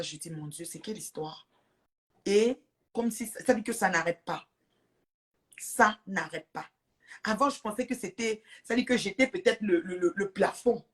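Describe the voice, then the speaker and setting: Speaking directly into her phone or webcam, a talkative woman hosts a casual live stream, laughing often as she welcomes and thanks viewers. Her pitch is medium, and her easygoing talk flows like conversation.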